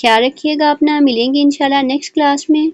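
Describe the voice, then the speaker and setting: Woman Quran reading teacher, high and dry, slow syllable drills, patient and repetitive. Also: fairly even intonation, no echo, highs cut off. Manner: drills letter sounds slowly, syllable by syllable; repeats "theek hai" and mixes in English words. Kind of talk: patient recorded lesson for beginners.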